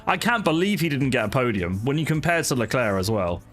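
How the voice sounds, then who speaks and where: At his home streaming setup, with music in the background, a young man who streams sim racing chats informally and greets his viewers by name, filling his speech with fillers. He has a medium-pitched, slightly bright voice, a sing-song lilt and a fairly quick pace. He isn't from Wales.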